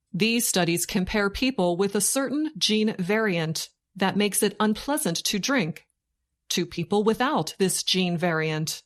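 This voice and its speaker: Woman reading slowly and deliberately, dictation-style. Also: medium pitch. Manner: slow, deliberate, short phrases with pauses, like dictation. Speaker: narrator. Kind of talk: slow scripted learning-English news reading.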